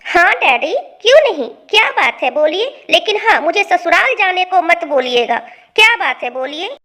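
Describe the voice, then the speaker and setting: A very high, bright young bride, voiced by a woman, who whines and answers back at every turn. It is a stubborn, sulky cartoon-story voice. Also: sing-song, moderate pace, exaggerated voice. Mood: pleading. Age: young adult. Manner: whiny, talks back.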